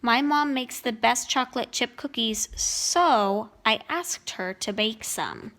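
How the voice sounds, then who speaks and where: A woman with a fairly high voice and a gravelly edge walks through grammar answers at home. She talks slowly and patiently, the way a teacher does while going over a worksheet. Her delivery stays steady and explanatory. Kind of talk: grammar lesson walkthrough.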